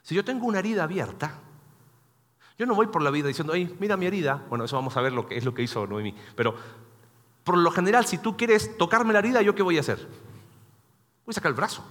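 A pastor preaches with a bright, raised voice that rises and falls with great animation. He talks to his congregation conversationally, putting questions to them. The sound carries a long echo from the church hall. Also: on the high side, big pitch swings, fast, pauses often. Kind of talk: sermon.

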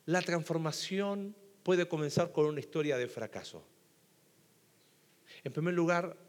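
A man preaching a sermon to a congregation, talking conversationally and putting questions to the audience. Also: fairly high pitch. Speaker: pastor. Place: church hall before a congregation. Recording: long hall reverb.

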